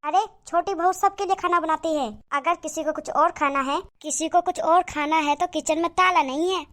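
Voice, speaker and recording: A woman voicing a doting old village mother-in-law in a cartoon moral story, speaking slowly in a thin voice. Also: very high-pitched, steady tone, a bit bright. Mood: scolding.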